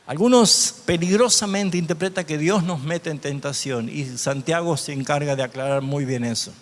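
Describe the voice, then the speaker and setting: A man's voice: on the high side, moderate pace. A man teaching a Bible class as a pastor, often asking his listeners questions. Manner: asks the audience rhetorical questions. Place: church hall. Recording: long hall reverb.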